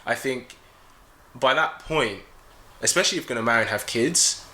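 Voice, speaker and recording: A young man taking part as a guest in a casual debate, reasoning aloud in a measured way and putting questions back to his host. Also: medium pitch, expressive, sharp tone, poor audio. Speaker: guest youtuber.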